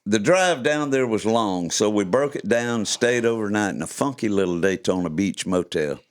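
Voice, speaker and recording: With a lowish, animated voice at a moderate pace, this older podcast host chats casually and reads his own stories aloud. His delivery is folksy and playful, punctuated by chuckles.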